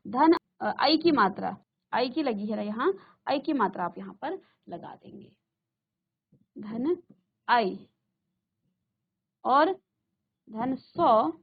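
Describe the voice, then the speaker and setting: A woman teaching a Hindi grammar lesson in a virtual classroom. She asks the students questions, answers them herself, and slows down to stress the example words. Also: high voice, gravelly, phone-quality sound.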